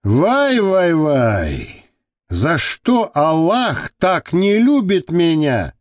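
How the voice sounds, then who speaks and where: A man's voice: sits high, very animated, a little slow, a little mellow, no echo, pitched above the performer's own voice. A man reading the part of a pious, self-pitying Chechen kidnapper guard who wails and pleads. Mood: wailing.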